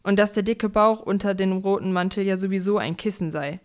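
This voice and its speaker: A woman voicing a small, cheeky male mouse who giggles and squeaks in a storybook reading. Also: steady tone, fairly quick, natural voice. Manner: squeaky, chirpy.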